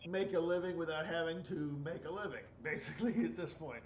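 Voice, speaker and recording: A man in his forties talks in a halting, filler-heavy way, his voice pitched a bit high. He sits back from a muffled mic in an echoey room, with a faint hiss underneath. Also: distant mic. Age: 40s. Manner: hesitant, many fillers and restarts. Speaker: podcast co-host. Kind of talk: casual chat.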